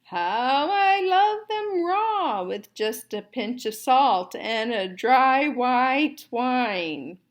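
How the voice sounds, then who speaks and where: A woman's voice: high-pitched, big pitch swings, drawn-out words, few pauses, exaggerated voice. A woman voicing a suffering, sly male fox who fawns and whimpers in a storybook reading. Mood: dreamy, greedy. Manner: wailing, pleading, whimpering.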